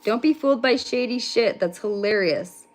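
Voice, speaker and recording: A woman's voice: a little high, lively intonation, normal speed, noisy background. A woman giving a livestreamed spiritual card reading in a rambling, casual way, swearing freely. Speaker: spiritual reader.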